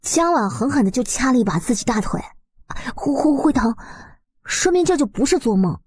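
A woman narrates a story in a fairly high voice with a slightly husky edge. Her telling is colloquial and expressive, dramatizing the webnovel as she goes. The sound is close and dry. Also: fast talker, dry recording.

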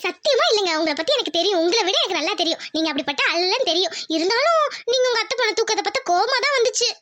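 A woman's voice: very high-pitched, animated, rapid-fire, fairly bright tone, slight background noise. A woman voicing Tamil Selvi, a young village wife who sulks at her husband, then teases him fondly. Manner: sulky then playful, chiding.

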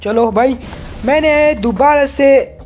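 A man giving excited let's-play commentary as a gaming channel host. He yelps, repeats words over and over, and keeps calling the viewer brother. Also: very high voice, takes it slowly, soft background music.

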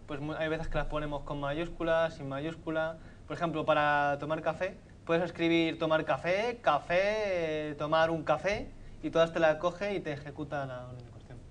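A man's voice: fairly high pitch, a little hiss or hum. A man helping present a tech talk in a lecture room, explaining features with examples.

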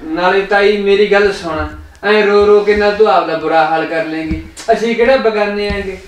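A man playing a nephew who gently chides and consoles his weeping aunt. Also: sits high, normal speed, far from the mic, close to an everyday voice. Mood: consoling. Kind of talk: village drama acting. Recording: very echoey room, voice off-mic.

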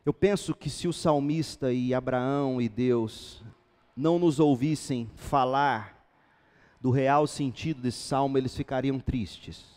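A man preaching a sermon as pastor, reading scripture and building to loud, emphatic passages. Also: medium pitch. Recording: long hall reverb.

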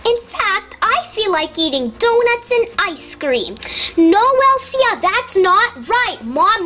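Very high, slow, sing-song doll voice. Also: female voice, a bit bright. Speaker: doll play narrator voicing toddler characters. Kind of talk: doll role-play voices.

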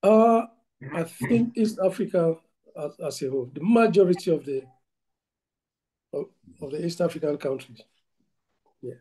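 Hesitant Cameroonian coach, bright forceful voice. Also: male voice, fairly high pitch, animated, moderate pace, long pauses, low-quality recording. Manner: hesitant, many fillers and restarts. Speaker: football coach. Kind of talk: video call interview. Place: indoor room at home. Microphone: video call laptop mic.

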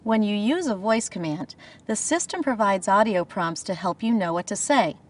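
A woman in her thirties presenting scripted instructions, clearly enunciated and explanatory. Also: mid-range voice, expressive, normal speed. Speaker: presenter of car instructional video.

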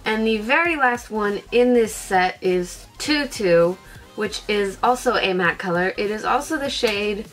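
Bubbly young woman gushing over makeup. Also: mid-range voice. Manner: bubbly, gushing, chatty with lots of "like" and "freaking". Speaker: beauty vlogger. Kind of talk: casual chat.

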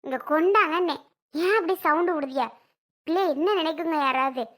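A woman plays a young wife caught out over a spoiled soup, her voice piercingly high and sharp. She pleads and snaps back. Her tone is bright and pressed, the voice of a comedy skit. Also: brisk. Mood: pleading, defensive. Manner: pleading, then snapping back. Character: flustered young wife defending her cooking.

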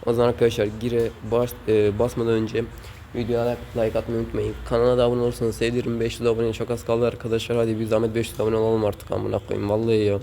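A man's voice: medium pitch, monotone, quick pace, gravelly, dark tone, a little hiss or hum. A man hosting a gaming channel, giving casual gameplay commentary at home, rowdy and swearing often as he scolds the game's characters.

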